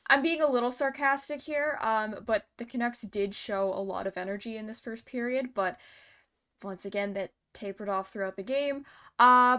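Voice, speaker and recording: A woman's voice: mid-range voice, bright, forceful tone. A young woman hosting a casual post-game hockey analysis, chatty with sarcastic asides and lots of fillers. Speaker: host.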